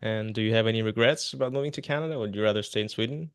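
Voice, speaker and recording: A man hosts a casual podcast interview, asking questions in an encouraging way. He talks quickly in a low voice. The recording is dry and close. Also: clean tone, dry recording. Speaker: podcast host.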